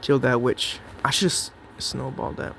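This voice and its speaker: A man's voice: mid-range voice, steady tone, a little slow, vocal fry, fairly bright tone, slight background noise. A young man giving casual, jokey commentary on his own match, talking to himself and to his opponent. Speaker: gameplay commentator. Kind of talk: live gameplay commentary.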